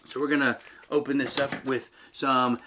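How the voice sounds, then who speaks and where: A man who is both channel host and parent presents a casual family unboxing video, patiently explaining each step and speaking straight to viewers. His mid-range voice is bright and forceful, with little pitch movement and a normal pace, over a little hiss or hum.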